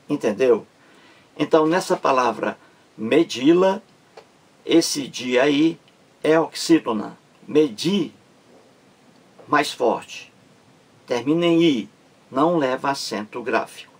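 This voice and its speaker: Slow, husky teacher man. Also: medium pitch. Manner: slow, repetitive, spells out syllables with emphatic stresses. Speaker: Portuguese language teacher. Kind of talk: grammar lesson explanation.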